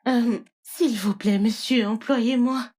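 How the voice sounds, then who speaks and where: A woman dubbing a polite, eager young woman applying to be a nanny in a French-language film, soft and gentle with the baby. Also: on the high side, steady tone, a little hiss or hum. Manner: polite and eager, soft and slow when soothing. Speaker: job applicant for nanny.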